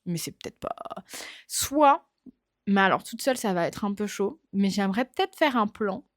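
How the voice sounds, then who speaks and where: A woman's voice: medium pitch, lively intonation, normal speed, no room sound. Chatty young woman, dry close sound. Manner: chatty, thinking aloud with many fillers. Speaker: book vlogger. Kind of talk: casual chat. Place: home with bookshelves. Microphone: phone camera.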